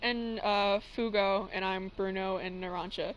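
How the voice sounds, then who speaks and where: A young adult woman, a livestream co-host and fan fiction reader, chats casually in a blunt, teasing, sweary way. Her medium-pitched voice is fairly even and measured. The noisy amateur livestream mic gives a lo-fi sound.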